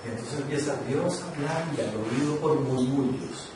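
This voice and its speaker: A man preaching a sermon who asks the congregation questions and swings from loud to hushed. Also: medium pitch, normal speed. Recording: echoey church from far off, noisy.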